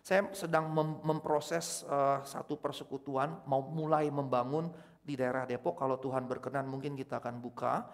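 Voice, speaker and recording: A middle-aged man preaching a conversational sermon in a church, swinging from loud exclamations to quiet, intimate asides. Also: medium pitch, steady tone, moderate pace. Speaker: pastor.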